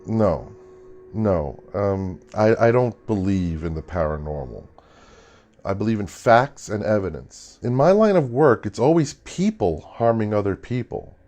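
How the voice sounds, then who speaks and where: A man's voice: lowish voice, animated, a little slow, darkish tone. A man playing a skeptical police detective, matter-of-fact and dismissive in a mock documentary interview. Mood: dismissive, firm.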